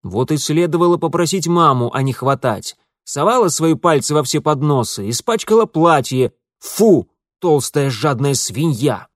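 A man's voice: fairly high pitch, lively intonation, moderate pace, few pauses, dry recording, studio quality. A man voicing an arrogant, irritated young cavalry lieutenant who talks scornfully.

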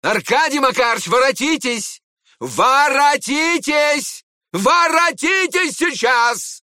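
A man reading aloud and voicing an irritable, proud middle-aged prince who snaps and shouts. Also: sits high, animated, unhurried, no echo, studio quality, pitched above the performer's own voice, exaggerated voice. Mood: agitated, pleading. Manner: snappish, shouting and scolding.

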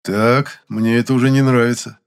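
A man narrates a first-person audiobook at a medium pitch. His delivery is even and dry, plain storytelling. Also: normal speed, smooth.

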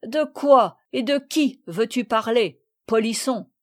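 A touchy, proud boy from a storybook, voiced by a woman reader. He talks in a mocking, prickly way. The voice is fairly high and dry. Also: slow pace, no echo.

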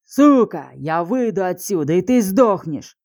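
A woman's voice: low voice, measured pace, a little mellow, no echo, clean studio sound. A woman voicing a brutal, furious male villain behind bars, snarling insults in an audiobook. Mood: raging.

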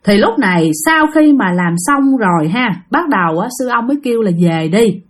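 High, lively woman storyteller. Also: moderate pace. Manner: chatty, addresses listeners directly. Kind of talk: casual spoken ghost storytelling.

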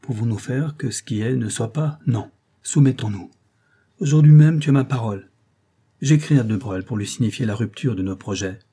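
A man's voice: mid-range voice, moderate pace, warm tone, slightly rough, close to an everyday voice. A man voicing a proud, stern male count who speaks in a curt, hard tone. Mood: bitter.

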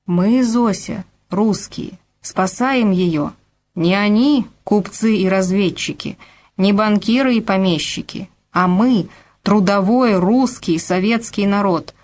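Woman reader doing an earnest russian colonel, steady and persuasive, middle pitch. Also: slow pace. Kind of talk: audiobook reading.

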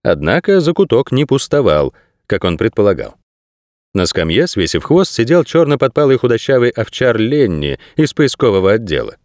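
A man's voice: mid-range voice, sing-song, moderate pace, darkish tone, no echo, clean studio sound. A man reading an audiobook aloud as scripted narration.

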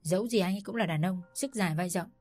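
Casting: a woman as a cool, curt young wife, low-voiced, storybook. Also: quick pace, darkish tone, soft background music, natural voice. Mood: reasoning. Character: defiant calm young daughter-in-law.

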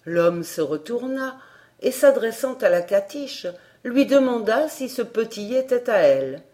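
A woman reading a storybook aloud in an expressive, measured narration. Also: a little high. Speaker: audiobook reader.

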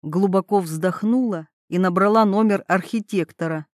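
A woman narrating a story in a measured, even way, close to the mic. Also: medium pitch, no room sound. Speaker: audiobook narrator. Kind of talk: scripted narration.

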